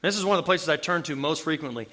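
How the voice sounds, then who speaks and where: Man, high voice, bright tone, conversational sermon, emphatic bursts. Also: lively intonation, very fast. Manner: conversational preaching with emphatic, rising outbursts. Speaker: preacher. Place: room with a live audience.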